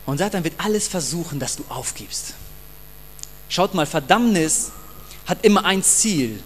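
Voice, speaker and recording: A man's voice: a little high, lively intonation, unhurried. A man preaching a passionate, emphatic sermon and addressing the congregation directly, in a reverberant hall with faint mains hum. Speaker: pastor.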